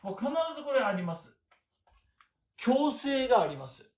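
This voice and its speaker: Lively older man lecturing, roomy echo. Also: very high voice, moderate pace. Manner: chatty, rhetorical questions, many fillers. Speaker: lecturer on classical texts. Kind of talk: casual lecture.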